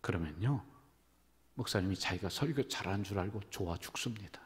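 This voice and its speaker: A man, the senior pastor, preaching a sermon full of jokes and stories, swinging from loud calls down to near whispers. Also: low voice, lively intonation, fairly quick, slight background noise. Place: church sanctuary. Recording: church hall reverb.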